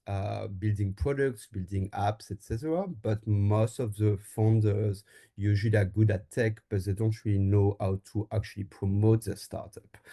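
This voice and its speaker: A man from France, a marketing agency co-founder, answering interview questions in a relaxed way with frequent fillers and restarts. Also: lowish voice. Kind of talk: casual interview talk. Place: Taiwan.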